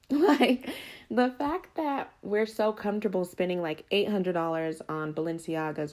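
Gravelly-voiced woman ranting casually. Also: lowish voice. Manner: animated, emphatic, lots of fillers. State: has the hiccups. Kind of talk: casual opinion monologue.

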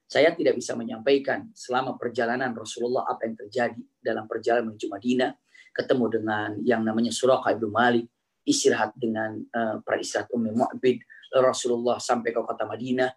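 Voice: medium pitch, quick pace. Preacher, storytelling sermon, lots of repeats and rhetorical questions. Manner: animated, repeats key phrases, asks rhetorical questions.

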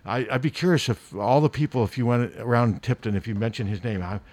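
A man's voice: medium pitch, a little mellow. A man hosting sports radio, rambling and correcting himself as he talks. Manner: fast, rambling, self-correcting. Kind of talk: casual sports talk.

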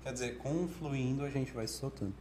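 A crowd can be heard behind this man, whose medium-pitched voice runs a little fast. An oratory teacher with a Brazilian Portuguese accent, he gives casual coaching talk, animatedly acting out quoted thoughts amid frequent restarts.

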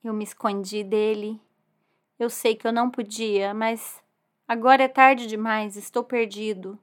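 Woman doing a scared little boy, high and pleading. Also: fairly even intonation, a little slow, natural voice. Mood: curious. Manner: frightened, pleading, wide-eyed.

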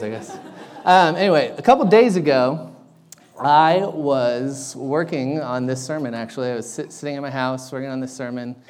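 A young man preaching a sermon in a casual, halting way with lots of ums, his voice carrying an echoey big-room sound. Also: medium pitch, darkish tone, clear, resonant tone. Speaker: guest preacher.

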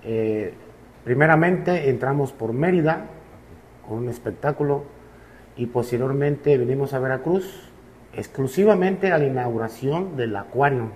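A Cuban man in his fifties with a Cuban Spanish accent tells his life story in a relaxed, unhurried way, with many fillers. His voice sits at an ordinary middle pitch. A faint noise hums under the recording. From Cuba. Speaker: musician guest.

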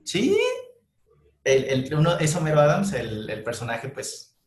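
A man hosting a casual chat, telling stories in an animated, slangy way with many restarts. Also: a little high, measured pace. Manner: animated storyteller, slangy, frequent restarts and laughs. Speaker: podcast host. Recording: echoey room.

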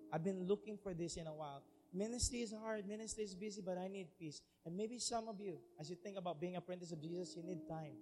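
A man with a Filipino Cebuano accent preaching a sermon as a pastor, earnest and confessional, switching between languages. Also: sits high. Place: church hall. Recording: reverberant church hall with music.

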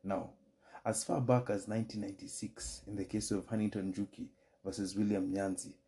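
A Kenyan man with a low, mellow voice lectures on law as a podcast host. He speaks formally and carefully, now and then restarting a phrase. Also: little pitch movement, fairly quick. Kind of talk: solo legal explainer podcast.

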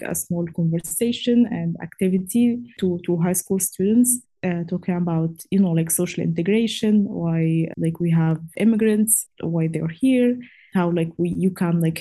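A woman's voice: lowish voice, warm tone. A young woman from Egypt in her twenties, answering interview questions casually and hesitantly, with frequent fillers and restarts. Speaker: guest.

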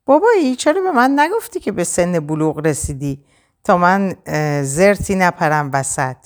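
A woman's voice: lowish voice, sing-song, voice pushed up. A woman voicing a cheeky young man who teases his brother in a playful, mocking way. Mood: teasing.

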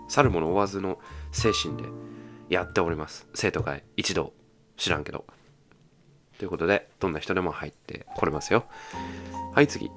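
Very deep-voiced man hosting a radio show. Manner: deadpan joking asides, mock-boastful. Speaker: radio host reading listener letters. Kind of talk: casual solo radio show banter. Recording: faint music bed behind.

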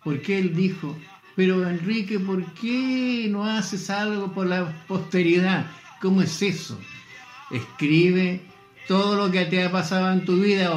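Elderly Chilean man in his eighties, unhurried and chuckling, slightly higher voice, roomy sound. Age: 80s. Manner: unhurried, chuckling, self-deprecating. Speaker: guest. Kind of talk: casual radio interview.

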